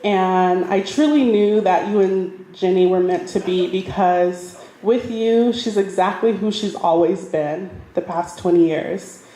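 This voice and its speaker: A woman's voice: mid-range voice, mellow. A woman giving an earnest, heartfelt wedding toast to her friend at a reception. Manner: earnest, with pauses and fillers. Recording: echoey reception hall.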